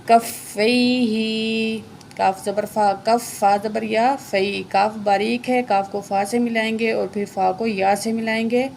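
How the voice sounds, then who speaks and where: A woman teaching Quran reading word by word, explaining each letter and then reciting slowly and drawn out. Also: medium pitch, steady tone, creaky, a little mellow, slight background noise.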